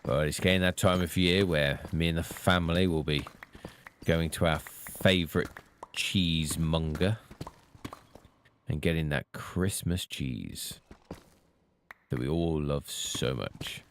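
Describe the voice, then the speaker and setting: A man casually talking to himself while playing a video game, relaxed and unhurried. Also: very deep voice, slight background noise. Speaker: gameplay video host. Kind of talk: casual gameplay commentary.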